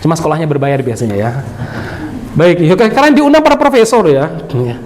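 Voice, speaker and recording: A middle-aged man from Bima, giving a religious lecture in a lively, humorous storytelling manner. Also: on the high side, brisk. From Bima, Indonesia. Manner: lively and humorous, often laughing and acting out dialogue. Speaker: preacher.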